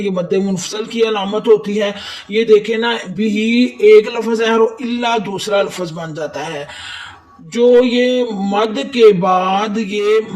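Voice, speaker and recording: A man's voice: high-pitched, distant mic. A man teaching Quran recitation rules step by step, patiently repeating each word for drilling. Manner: patient, methodical, repeats words slowly for drilling. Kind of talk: step-by-step tajweed lesson.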